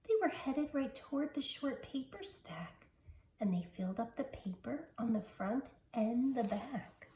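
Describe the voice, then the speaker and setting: A woman, a teacher, reading a children's picture book aloud in an expressive storytelling style. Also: fairly high pitch, a little slow. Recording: roomy, distant mic with background noise.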